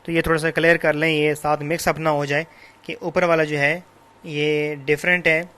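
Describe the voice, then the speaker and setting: A man's voice: fairly high pitch, flat delivery, moderate pace, pushed and bright, smooth. A man lecturing on a novel, patiently explaining English words by listing translations and synonyms, repeating and rephrasing each point. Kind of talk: recorded classroom lecture.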